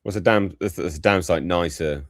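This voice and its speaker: A man's voice: low-pitched, brisk, no echo, clean studio sound. A man co-hosting a casual chat show, laid-back, laughing often and reading viewer comments aloud.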